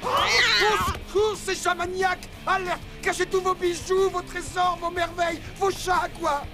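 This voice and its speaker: Casting: boastful cartoon hero puppet, very high and excitable, bouncy delivery, music bed behind. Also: male voice, a little slow. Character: vain boastful male superhero puppet. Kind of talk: French cartoon dub acting. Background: cartoon score music.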